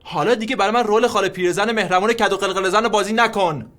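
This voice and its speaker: A man's voice: sits high, a bit bright. An actor playing a resentful young adult son in a film drama, bitter and accusatory toward his mother.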